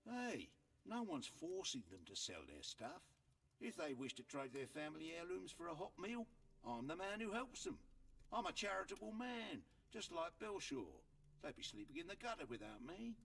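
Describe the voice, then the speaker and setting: Casting: crooked, self-righteous innkeeper-trader in a game; highish voice, swooping delivery, sly, scornful. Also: male voice, big pitch swings, moderate pace, vocal fry, a bit bright, husky, far from the mic, heavily acted. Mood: slick, smug. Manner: sly salesman patter, scornful when crossed. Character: crooked male merchant and innkeeper, smug, defiant, self-righteous. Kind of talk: video game voice acting.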